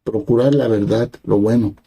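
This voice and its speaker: Dark-voiced male preacher. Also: on the low side, fairly even intonation, moderate pace, slightly rough, rough recording. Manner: reads scripture aloud, then explains it in plain conversational words; asks the listeners brief rhetorical questions. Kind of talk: sermon.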